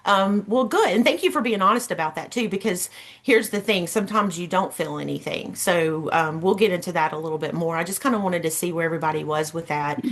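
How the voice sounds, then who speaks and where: A woman's voice: on the low side, a little fast, a bit bright. A woman with a Georgia Southern accent, giving an informal, folksy explanation as a guest practitioner on a video call. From Georgia, United States. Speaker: Reiki practitioner, guest speaker.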